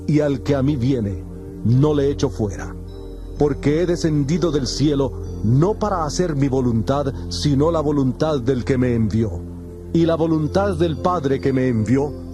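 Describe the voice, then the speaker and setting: A man's voice: fairly high pitch, close to an everyday voice. Jesus, a man playing a solemn teacher. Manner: measured, solemn, declamatory. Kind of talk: dramatized scripture reading. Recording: music playing behind the voice. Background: background music.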